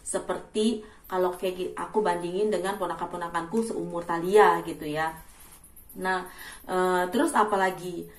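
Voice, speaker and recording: A woman in her thirties in casual vlog chat, acting out loud greetings. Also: on the low side, steady tone, normal speed, echoey room, far from the mic. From Indonesia. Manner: chatty, acts out loud greetings. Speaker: vlogger.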